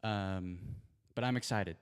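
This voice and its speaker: Low-voiced man streaming from an echoey garage. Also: slow, noisy background. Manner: rambling, informal, apologetic. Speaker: sports show host. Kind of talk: casual livestream chat. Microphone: spare handheld mic. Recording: echoey garage sound, handheld mic.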